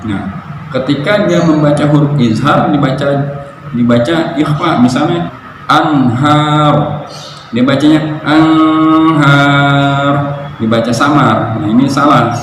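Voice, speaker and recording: A man giving a religious lesson on reading the Quran correctly, explaining step by step and chanting example words slowly. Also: mid-range voice. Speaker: Quran recitation teacher. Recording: very echoey hall with audible noise.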